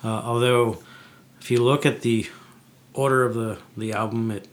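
Man with mid-pitched, halting speech. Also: fairly even intonation. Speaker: podcast co-host. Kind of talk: casual chat.

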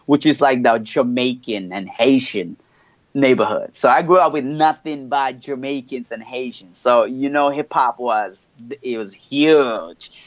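A man from Montreal, French his first language, rambles through an interview in relaxed slang, circling back with "you know what I'm saying". His voice sits at an ordinary pitch. The recording is dry and slightly muffled. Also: no echo. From Canada (Montreal). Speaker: interview guest, hip hop artist. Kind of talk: casual interview chat.

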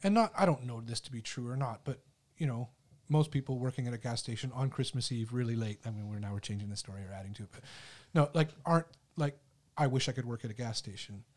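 A man's voice: mid-range voice, fast, a little mellow. A man talking through an idea in casual, reflective conversation, hosting a discussion.

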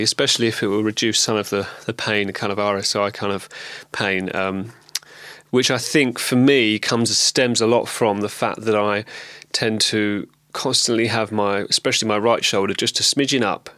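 A fairly low-pitched man talks into a close, dry mic in a casual video diary. He is fighting a lingering cold and rambles loosely, with frequent ums and restarts. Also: fairly bright tone, no echo. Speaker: vlogger.

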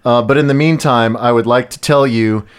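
Male podcast host, mid-range voice, relaxed and jokey, filler-heavy plugs. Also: medium pitch, normal speed, smooth. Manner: loose and jokey, with frequent "uh" fillers. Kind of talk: casual podcast chat and sponsor plugs.

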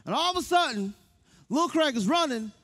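A high-pitched man in his thirties preaches a sermon from the pulpit. He tells animated stories and keeps turning to address the congregation. His voice carries a long reverb from the church hall. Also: brisk. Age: 30s. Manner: animated storytelling preacher, speaks to the congregation directly. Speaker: pastor. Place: church sanctuary.

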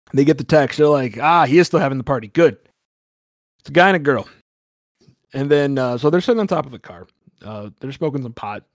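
A man's voice: medium pitch, a little mellow, no echo. Brief: casual, swearing male game master setting up a spooky scene, dry sound. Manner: rambling, profane, casual. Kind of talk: narrating a horror tabletop game.

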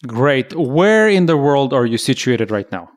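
A man's voice: mid-range voice, big pitch swings, a little slow. A man co-hosting a podcast who asks questions in a chatty, joking, curious way. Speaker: podcast co-host. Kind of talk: podcast interviewing.

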